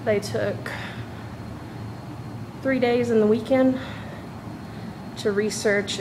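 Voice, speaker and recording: A woman's voice: mid-range voice, noisy background. A woman talking casually and chattily to camera while walking laps, sounding slightly tired. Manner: chatty, informal. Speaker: vlogger. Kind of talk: casual personal vlog talk. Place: walking laps, phone recording.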